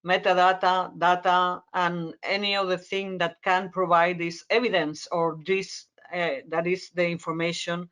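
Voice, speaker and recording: At a conference panel discussion, a native Spanish speaker from Spain answers as an expert, her Spanish accent clear. Her voice is on the low side, fairly bright and flat in pitch, and she halts to search for words, repeating herself often.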